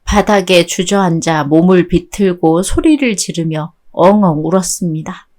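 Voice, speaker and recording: A woman narrating a sad story in a calm, measured, subdued way. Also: on the low side. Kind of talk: scripted radio drama narration.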